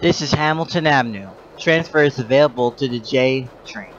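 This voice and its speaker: A man giving recorded train announcements with a measured, even delivery, his words spliced together from separate clips. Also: medium pitch. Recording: dull lo-fi clip with faint noise.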